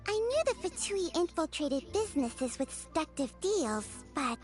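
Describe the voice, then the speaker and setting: A shrill, squeaky little floating sidekick, bouncing wildly up and down in pitch. Chirpy and blunt, firing off quick exclamations in a game cutscene. Soft game music plays underneath. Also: female voice, sing-song, heavily acted. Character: tiny floating female companion, excitable, blunt. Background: faint game music.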